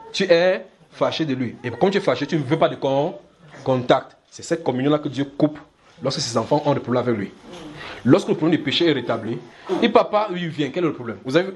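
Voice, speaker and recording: A man preaching a sermon in church, lively and demonstrative, often checking that the congregation follows. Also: on the high side. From Cameroon. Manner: animated, acts out little scenes and keeps checking the congregation follows.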